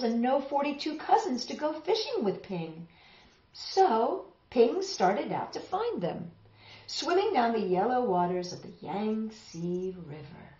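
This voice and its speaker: A middle-aged storytime reader with a slightly high voice performs a picture book aloud, dramatic and expressive, speaking directly to the kids. The setting is a small home room where she sits on a sofa, and the audio has a roomy, slightly dull home-video quality.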